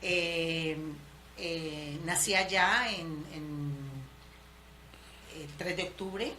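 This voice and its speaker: A woman's voice: fairly low pitch, very slow, pushed and bright. A woman in her fifties from Colombia with a Cali accent, telling her life story in an interview, with many fillers and restarts. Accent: Colombian Spanish from Cali. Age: 50s. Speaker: interview guest. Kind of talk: relaxed personal storytelling. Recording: noisy background ambience.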